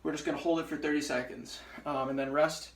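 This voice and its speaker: A man's voice: a little high, fairly even intonation, fast talker, gravelly, roomy sound, distant mic. Breathless male fitness instructor cueing reps. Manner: cueing exercises step by step, encouraging. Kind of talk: workout instruction. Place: room at home with a ceiling fan.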